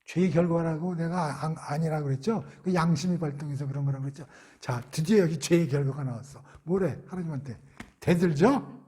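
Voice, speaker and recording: A man's voice: a little high, a little fast, dark tone, husky. A man giving a Bible study lecture, asking rhetorical questions and answering them himself in a conversational way. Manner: conversational, acts out quotes.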